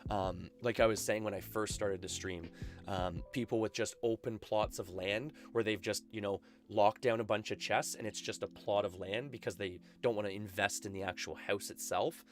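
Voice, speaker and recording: A man's voice: on the low side, fairly even intonation, moderate pace, faint music behind. A Canadian man chatting casually on his live game stream through a headset, full of fillers and laughs.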